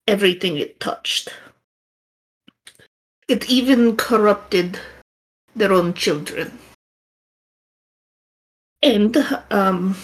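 A woman voicing an old male fox-folk shaman in a put-on Russian accent, telling legends slowly and gravely between hesitant fillers. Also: medium pitch, poor audio.

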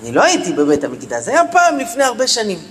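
A man's voice: high voice, wildly swooping pitch, fairly bright tone, big-room sound, slight background noise, full character voice. A man voicing an earnest young woman teacher. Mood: insistent.

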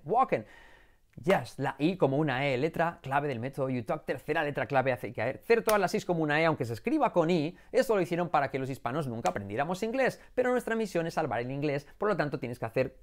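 Lively man drilling English pronunciation. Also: a little high. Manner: animated, jokey, sings snippets and repeats words in drills. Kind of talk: playful video lesson.

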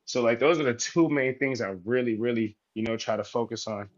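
An easygoing man talks in a relaxed, rambling way, leaning on fillers as he goes. His voice sits in a middling pitch. The sound is a little muffled and lo-fi. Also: brisk. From United States. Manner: relaxed, rambling, many fillers like "you know". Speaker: guest, professional basketball player. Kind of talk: casual interview talk.

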